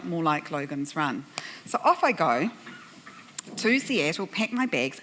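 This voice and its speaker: Moderating a panel in a conference plenary room, a New Zealand-accented woman tells the audience a funny story at her own expense, laughing often. Her voice is lowish and a bit bright, with slight background noise.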